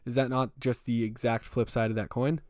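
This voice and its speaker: A man's voice: medium pitch, flat delivery, brisk, darkish tone, no room sound, studio quality. A young man hosting a casual podcast interview, joking and swearing freely and laughing often. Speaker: podcast host.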